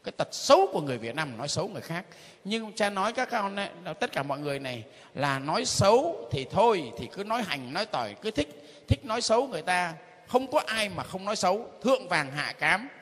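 Teaching informal catechism in the manner of a priest, a middle-aged man speaks in a fairly high, husky, slightly bright voice that echoes long through a hall. He is emphatic and quick, repeating phrases over and over and chuckling between points, with his pitch swinging widely from one line to the next.

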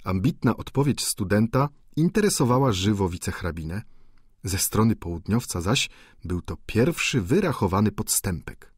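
A man narrating a classic novel as an audiobook, with an expressive, measured delivery. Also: lowish voice, slightly rough, dry recording, clean studio sound. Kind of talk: literary audiobook reading.

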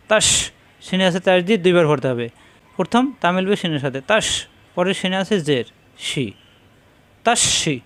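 A man teaches Quran reading by spelling Arabic words out syllable by syllable, patiently drilling and slowly repeating each sound. His voice is a little high and fairly bright, with no echo.

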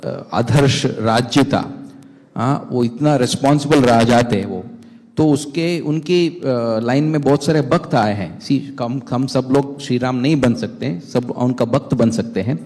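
A middle-aged man, a panel guest, giving a spiritual talk on a TV stage, halting often and mixing in English words, speaking into a handheld mic. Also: mid-range voice, a little mellow. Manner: halting, many restarts, mixes English words. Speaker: panel guest, temple vice-president. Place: large stage hall with audience. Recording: long hall reverb.

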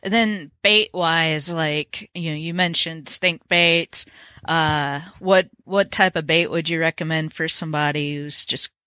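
A woman's voice: deep voice, fairly even intonation, a little slow, pushed and bright, clean tone, dry recording. A woman hosting a fishing podcast, asking casual follow-up questions. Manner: friendly follow-up questions, brief acknowledgements. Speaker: podcast host. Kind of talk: casual interview.

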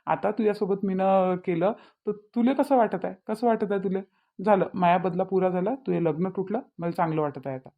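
A woman's voice: medium pitch, a little fast, phone-quality sound, natural voice. A woman voicing a spiteful young man in a cartoon, taunting and smug, with a Vidarbha Marathi accent. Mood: gloating. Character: spiteful young man, gloating over his revenge.

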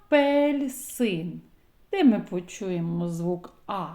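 Woman, preschool teacher, slow and sing-song, slightly high voice, drawn-out vowels. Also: very animated, dark tone. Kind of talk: children's phonics lesson.

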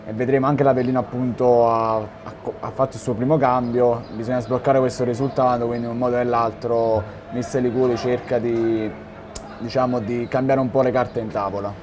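Even-toned male football co-commentator. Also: mid-range voice, fairly quick. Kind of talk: live football analysis. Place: outdoor stadium commentary position. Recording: noisy outdoor stadium sound.

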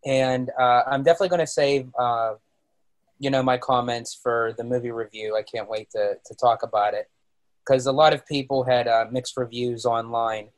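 A man talks casually on a podcast panel. His voice is mid-pitched, and he speaks in a halting, hesitant way. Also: fairly even intonation. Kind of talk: casual chat.

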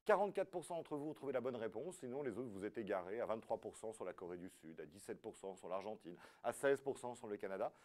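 A man's voice: fairly low pitch, expressive, fast talker, few pauses, a little mellow. A man hosting a live quiz show, reading questions and scores with playful joking asides.

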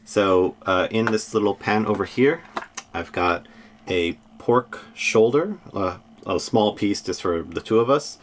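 A man in his thirties talking casually to the camera as a sailing vlogger, relaxed and chatty with small laughs, recorded aboard a small boat. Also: lowish voice. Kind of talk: casual vlog narration. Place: small boat cabin and deck.

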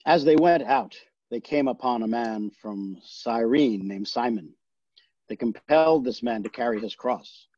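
A man reads scripture aloud for a worship service, steady and solemn in his pacing. His voice is husky and somewhat breathy, and it sits mid-range in pitch. The sound is dry and a little muffled, with no room ring around it. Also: dry recording. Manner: measured, solemn reading. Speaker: scripture reader.

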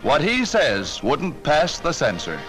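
A man's voice: a little high, huge pitch swings, slow, poor audio. A man narrating a 1940s newsreel in a rousing, emphatic announcer style, with the sound of an old newsreel. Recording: narration over loud orchestral music.

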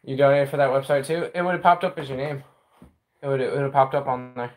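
A man's voice: medium pitch, steady tone, quick pace. A young man hosting a casual livestream, chatting easily with viewers and friends in the room. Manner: easygoing, chats with viewers while distracted. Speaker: streamer, channel host. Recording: noisy room sound.

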